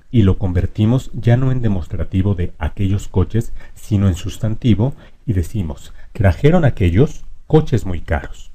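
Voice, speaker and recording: A man teaching a grammar lesson, explaining rules clearly and reading his example sentences out slowly. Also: lowish voice, mellow.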